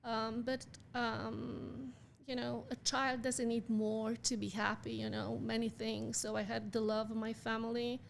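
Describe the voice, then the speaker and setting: Romanian-accented woman, creaky and bright. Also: on the high side, flat delivery, unhurried, slight background noise. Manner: thoughtful, with frequent ums and uhs. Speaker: guest instructor. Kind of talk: podcast interview.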